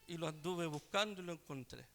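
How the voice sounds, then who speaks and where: A male preacher telling a story in a sermon, swinging between quiet asides and loud exclamations. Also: fairly high pitch, fairly quick, gravelly.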